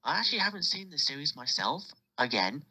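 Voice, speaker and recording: A British man in his late teens chats on his podcast. His husky voice sounds bright and forceful, and he rambles through stories with many restarts. His pitch swings widely as he talks. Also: very animated, a little fast, poor audio. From United Kingdom. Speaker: podcast host. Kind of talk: casual group chat.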